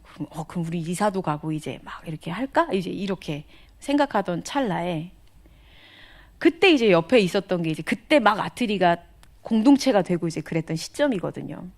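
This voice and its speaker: A woman missionary giving a testimony sermon in a conversational, animated storytelling manner, sometimes dropping to whispered asides. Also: fairly low pitch, a little fast. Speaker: missionary speaker.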